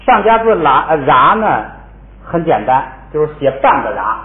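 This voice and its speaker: A man's voice: fairly high pitch, very animated, moderate pace. Man teaching over a tinny echoey line. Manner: explains patiently, repeats words for students to echo. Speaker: Tibetan language teacher. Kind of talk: relaxed spoken lesson.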